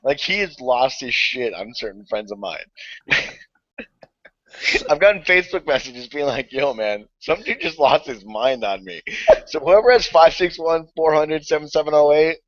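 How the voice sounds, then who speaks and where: A man co-hosting a casual podcast chat, excitable and laughing often. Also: fairly high pitch, normal speed, no echo, dull audio. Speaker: podcast co-host.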